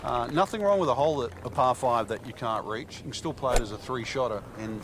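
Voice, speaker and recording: A man working as a golf commentator, giving conversational, explanatory analysis in a measured way. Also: mid-range voice, lightly acted. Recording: outdoor crowd and ambient noise behind. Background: loud crowd, outdoor ambience.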